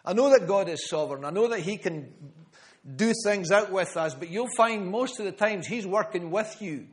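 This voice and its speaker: A man's voice: high voice, animated, normal speed. A man preaching a sermon to a room, emphatic, repeating key phrases and calling on listeners by name. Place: church gathering room.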